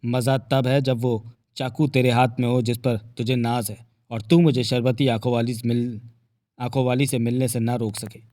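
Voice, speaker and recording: A man's voice: mid-range voice, flat delivery, normal speed, warm tone, no echo, studio quality, lightly acted. A man doing a cocky wisecracking detective. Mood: taunting. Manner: teasing, boastful, mock-polite.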